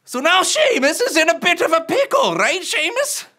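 A man's voice: extremely high pitch, big pitch swings, normal speed, bright, forceful tone, full character voice. A man playing a boastful Scottish rapper in a kids' church comedy sketch, with a put-on Scottish accent and hammy, jokey patter. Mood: cheerful.

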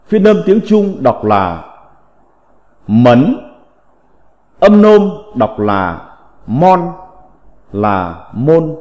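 A man teaching a slow recited vocabulary lesson, reading in a deliberate, measured way with drawn-out syllables. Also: a little high, big pitch swings, a little mellow, highs cut off. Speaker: teacher of classical characters. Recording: long reverb.

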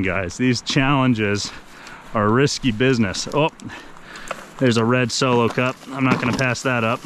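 A chatty fishing vlogger in his thirties, with a mid-range, slightly bright voice, talks straight to his viewers as he fishes, upbeat and friendly and calling them guys. He holds an action camera at arm's length outdoors by a river, with rushing water and a faint wash of outdoor noise underneath.

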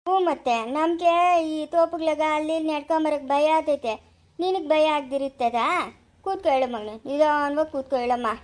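Woman acting as a lonely old widowed granny, high-pitched, tender, coaxing, repetitive, family drama. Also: fairly quick, darkish tone, slight background noise, lightly acted. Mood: soothing. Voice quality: tender, coaxing, repeats herself soothingly. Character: lonely widowed old grandmother in forest hut. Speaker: actor in family short drama.

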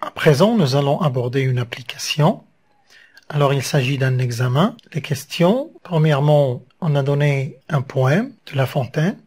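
A teacher, giving a slow, step-by-step French verse lesson and spelling out syllables one by one. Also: medium pitch, lively intonation, a little mellow, breathy edge.

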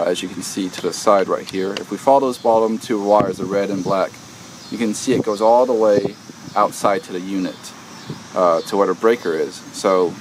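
A man with a fairly low voice walks through a hands-on repair outdoors, pausing often on "uh" and "um" as he works. He talks casually, as if to a viewer beside him. A faint hum of outdoor noise sits under his voice. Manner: hesitant, many "uh" and "um" fillers, explains step by step while working. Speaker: DIY video host. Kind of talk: casual how-to explanation. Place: outdoors at an air conditioner unit.

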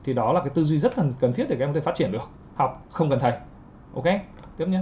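A man teaching English pronunciation in an online lesson, patiently repeating phrases slowly to drill word stress. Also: fairly high pitch, animated, mellow, highs cut off, slight background noise.

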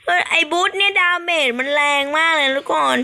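A young woman giving playful, animated commentary while playing a mobile game, often squealing with excitement. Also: high voice, brisk. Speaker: gaming streamer.

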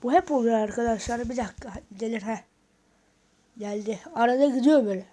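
A woman's voice: fairly high pitch, a little fast, mellow. A woman giving casual gameplay commentary, talking to viewers and muttering reactions as she plays. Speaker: gaming video host.

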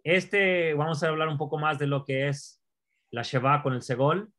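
A man's voice: a little high, steady tone, a bit bright, slight background noise. A man teaching Hebrew pronunciation step by step, repeating words and quizzing his learner. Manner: slow, repeats words, asks the learner questions. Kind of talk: patient classroom explanation.

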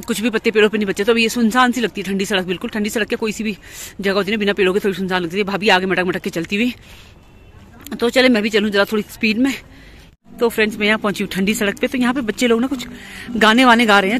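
Walking along a foggy lakeside road with her phone in hand, a vlogger from Uttarakhand, India, chats with her viewers and keeps calling them friends. Her voice is mid-range and a little bright, narrating casually as she goes.

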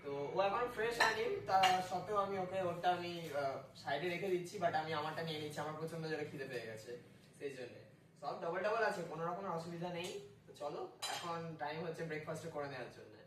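A man's voice: a little high, fast talker, echoey room. A man talking casually to camera as a travel vlogger. He chats with his viewers as friends and mixes English words into his talk.

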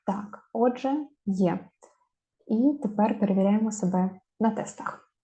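A woman teaches a spelling lesson in a deep, mellow tone. She slows right down to draw out each example word for stress. The recording sounds dull and lo-fi. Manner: slow, drawn-out stressing of example words.

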